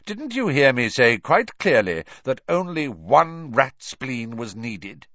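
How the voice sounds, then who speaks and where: A cold, cutting schoolmaster, as a male narrator puts him on, scathing and forceful. His lively voice lashes out in dry, slightly dull sound. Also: mid-range voice, unhurried, no echo, pitched above the performer's own voice. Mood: cold scorn.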